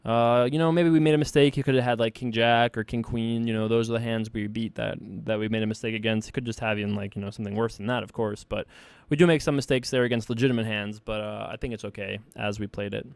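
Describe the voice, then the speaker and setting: A man hosting his own poker series, thinking aloud in a relaxed, joking way while he plays hands online. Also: lowish voice, fast, creaky, clear, resonant tone, no echo. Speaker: poker player and show host. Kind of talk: casual online poker commentary. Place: home desk setup.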